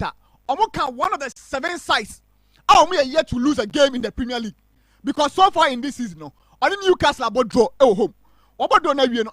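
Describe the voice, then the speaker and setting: A man giving animated football commentary on a live stream, mixing English and Twi. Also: very high voice, dry recording. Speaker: football pundit.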